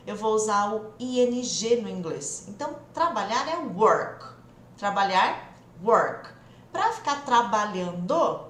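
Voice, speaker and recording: Lively teacher from interior São Paulo. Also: female voice, a little high, roomy sound, slight background noise. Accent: interior São Paulo Brazilian Portuguese. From interior of São Paulo state, Brazil. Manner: energetic, drills phrases slowly and repeatedly. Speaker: English teacher. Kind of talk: live online English lesson.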